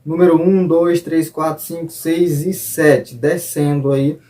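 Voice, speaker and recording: A man's voice: a little high, level tone, measured pace. A man teaching guitar step by step in an online lesson, now and then singing short examples. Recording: soft guitar behind the voice.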